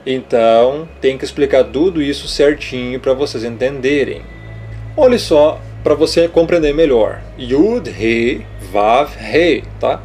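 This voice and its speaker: A man's voice: medium pitch, unhurried, a little mellow, soft background music. A man explaining letters on a board as a religious teacher, emphatic and scolding, checking in often with short questions. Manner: emphatic, scolding, repeats points with "tá?" and "ok?". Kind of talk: didactic explanation over a board.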